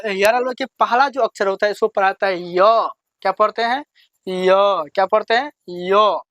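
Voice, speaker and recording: A man's voice: very high voice, dry recording. A man teaching children to read, asking a question and answering it himself in call-and-response drills. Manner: talks to children, slow and repetitive. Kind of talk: lesson, drilling letters.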